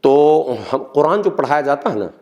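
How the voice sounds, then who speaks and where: A man's voice: a little high, animated, normal speed, highs cut off. A middle-aged man, a guest in an interview, explaining his views earnestly and repeating key phrases. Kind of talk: political interview talk.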